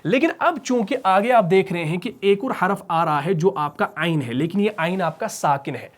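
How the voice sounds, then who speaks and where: A man's voice: high voice, expressive. A man teaching a Quran recitation lesson, explaining step by step and asking and answering his own questions. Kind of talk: tajweed lesson.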